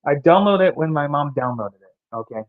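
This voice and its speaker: A man's voice: on the high side, lively intonation, a little fast, no room sound. A young man from the American South chatting on his live stream, rambling with many restarts as he reads and answers viewers' chat. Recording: dull dry home mic.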